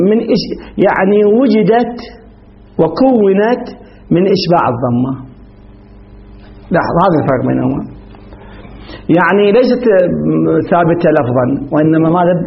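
A man with a high voice teaches grammar from a text. He poses questions to his listeners and repeats the example words over and over. The recording sounds dull and lo-fi.

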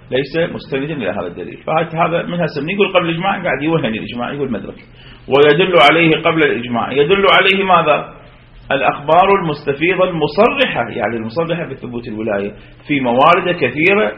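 Iraqi male lecturer, rapid delivery, self-answered questions, dull roomy lo-fi recording. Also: medium pitch, slight background noise. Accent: Iraqi Arabic. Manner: poses rhetorical questions and answers them himself. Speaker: religious law teacher. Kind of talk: seminary lecture.

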